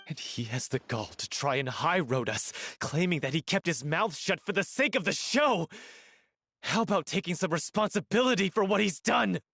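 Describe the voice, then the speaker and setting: A man voicing a hot-tempered young troupe actor in a video game, shouting emotional accusations. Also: fairly high pitch, expressive, moderate pace, vocal fry, no room sound, heavily acted. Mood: furious.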